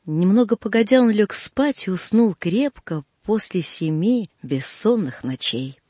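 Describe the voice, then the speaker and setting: A man reading a classic story aloud in measured scripted narration. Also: high voice, lively intonation, dark tone, no room sound. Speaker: audiobook narrator.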